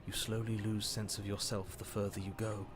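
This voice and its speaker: A man playing a solemn, ominous storybook narrator in a video game, measured and grave over music. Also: lowish voice, level tone, natural voice. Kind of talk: scripted second-person game narration. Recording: loud game music behind the voice.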